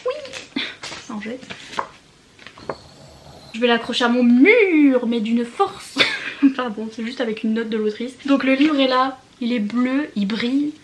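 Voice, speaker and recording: A young woman gushes through an unboxing, giggling often and tossing English words into her chatter. Her voice sits a little high, with a faint hiss of noise under the recording. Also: expressive, measured pace, pauses often. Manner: gushing, giggly, mixes English words into French. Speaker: book vlogger. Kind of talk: excited unboxing chat.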